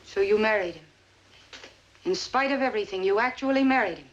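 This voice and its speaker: A woman's voice: mid-range voice, a little fast, lightly acted. An actress playing a bitter, accusing woman in a 1950s Hollywood noir drama. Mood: accusing, incredulous. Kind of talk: 1950s Hollywood film acting. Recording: dull, noisy old film soundtrack.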